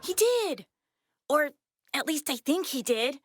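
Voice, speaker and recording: A woman's voice: high-pitched, sing-song, slow, background noise, heavily acted. A woman voicing an earnest, insistent country boy in a 1950s radio-style drama. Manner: insistent, secretive.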